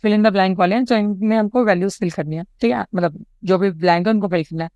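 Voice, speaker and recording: A man with an Indian English accent teaching an exam-prep lesson. He reads each English question slowly, then explains it, often checking in with the students. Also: sits high, a little mellow, smooth, no room sound, muffled recording. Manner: explanatory, keeps checking in with "ठीक है?".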